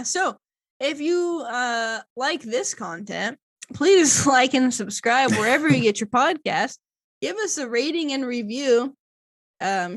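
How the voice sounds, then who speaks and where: Chatty higher-pitched woman podcaster. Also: a bit bright, no room sound. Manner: chatty, rambling, laughs often. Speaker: podcast co-host. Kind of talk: casual podcast chat.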